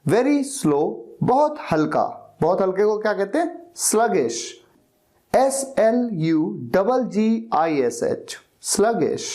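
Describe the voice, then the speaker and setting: A man teaching English vocabulary in a slow lesson, spelling each word out letter by letter and repeating it. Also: sits high, sing-song, dark tone.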